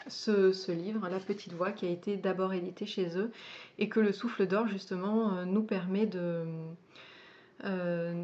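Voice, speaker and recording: A woman in mid pitch hosts a relaxed book presentation video. She talks in a halting, unscripted way, often pausing on fillers and restarting her sentences. The recording sounds dull and somewhat lo-fi. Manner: hesitant, many fillers and restarts. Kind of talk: casual spoken book presentation.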